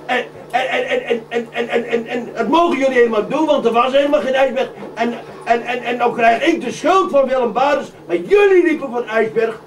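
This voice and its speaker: A man voicing a panicky young male sailor and prankster who stammers and shouts frantically in a live puppet show. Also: extremely high pitch, expressive, takes it slowly, pauses often, full character voice. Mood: indignant. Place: museum room. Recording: echoey room, distant mic, noisy.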